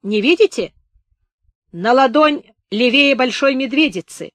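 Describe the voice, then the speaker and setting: A woman's voice: high-pitched, expressive, a little slow, a bit bright, dry recording, voice pushed up. A woman voicing a voluble, theatrical male officer who declaims with pathos in an audiobook. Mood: brisk. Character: voluble, bombastic middle-aged male officer.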